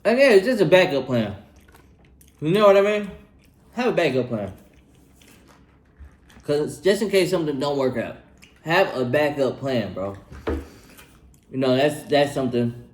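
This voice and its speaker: Young man, twenties, slightly higher voice, loose slangy advice vlog, echoey room. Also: expressive, a little slow, long pauses. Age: 20s. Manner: laid-back, slangy, repeats himself, tags lines with "bro". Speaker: vlogger giving life advice. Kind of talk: casual advice vlog while eating.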